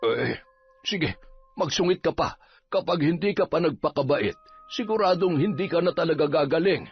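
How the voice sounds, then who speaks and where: A man plays a nagging, joking village healer, his husky voice pitched a little high. The mix is dull and lo-fi, with faint music behind. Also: moderate pace. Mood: scolding. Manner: gruff, nagging, comic. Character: grumbling, teasing middle-aged male village folk healer. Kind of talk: Filipino audio drama acting.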